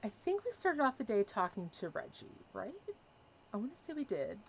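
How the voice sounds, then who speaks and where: A woman doing casual let's-play commentary, reading choices aloud and thinking out loud. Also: mid-range voice, very animated, brisk, slight background noise. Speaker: gaming streamer playing a dating game.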